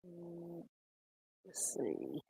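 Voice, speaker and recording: A man chatting casually while reviewing footage, rambling and quick to laugh. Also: a little high, huge pitch swings, creaky, warm tone, breathy edge, no room sound. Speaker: cryptid-hunting streamer.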